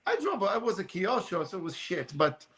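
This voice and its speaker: A man who races RC cars, telling rambling, animated stories in a casual podcast chat with many fillers. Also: sits high, fairly quick. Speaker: guest, RC car racer.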